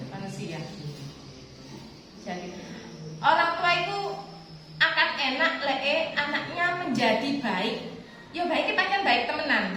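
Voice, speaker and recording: A woman with an East Javanese accent gives a chatty religious lesson to students. Her voice is bright and sits high. She is recorded from a distance in a very echoey room. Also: a little hiss or hum. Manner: chatty, asks rhetorical questions and answers them. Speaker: religious teacher addressing students. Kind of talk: informal religious lesson with a personal story.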